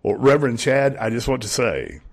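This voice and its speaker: A man's voice: medium pitch, very animated, a little fast, gravelly. A man chatting casually as host of a call-in show. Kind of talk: casual chat.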